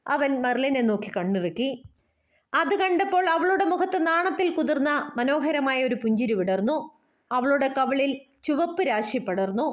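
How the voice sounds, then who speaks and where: Woman, high voice, audio novel narrator, lively character reading. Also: dull audio. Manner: reads dialogue with lively shifts between characters. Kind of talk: scripted narration reading all parts.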